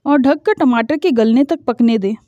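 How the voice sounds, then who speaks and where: A woman, the host of a cooking channel, calmly explaining each step of a recipe in a home-kitchen voice-over. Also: on the high side, moderate pace, no echo. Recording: dull lo-fi voice-over.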